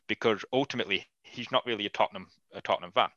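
A man talking football in a casual podcast chat, blunt and animated, swearing freely. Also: lowish voice, fast, no room sound. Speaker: podcast guest. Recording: slightly dull, lo-fi mic.

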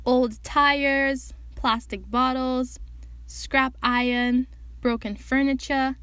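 A young woman hosts her own podcast in a loose, chatty way, teasing and bossing her listeners with a laugh. Her voice sits high, and the sound is close and dry with no room echo. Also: fairly even intonation, slow pace, a bit bright, smooth. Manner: chatty, joking and bossy. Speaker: podcast host. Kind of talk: casual solo podcast talk.

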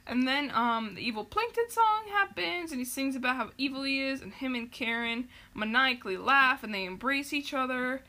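A woman's voice: high-pitched, normal speed, hardly any pauses, sharp tone. A young adult woman hosting a podcast, casually recapping a show in a rambling, filler-heavy way and giggling often. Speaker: podcast host.

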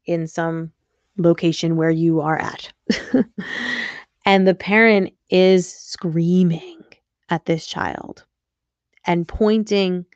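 Slow, gravelly-voiced woman podcast host. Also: lowish voice, a little mellow, dry recording, dull audio. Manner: frank and candid, occasional swearing. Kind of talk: casual reflective monologue.

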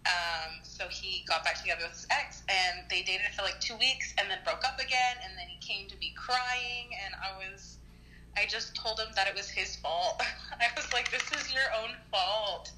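A woman's voice: medium pitch, moderate pace, pushed and bright, soft background music, poor audio. A woman in her early twenties, chatting casually on the phone, rambling with lots of "like"s and coughing now and then as she gets over an illness. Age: early 20s.

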